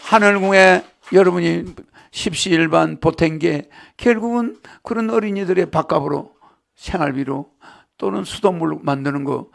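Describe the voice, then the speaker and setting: A spiritual lecturer with a high-pitched, fry-tinged voice speaks before a live audience. He rambles, cracks jokes, laughs along with the crowd, and frequently poses rhetorical questions to them.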